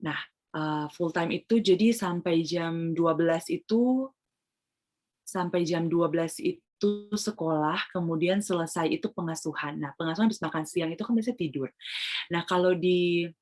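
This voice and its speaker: A woman with a fairly low, slightly mellow voice speaks at normal speed as a Montessori trainer in an online webinar. She mixes English phrases into her explanation and acts out examples of what she tells children.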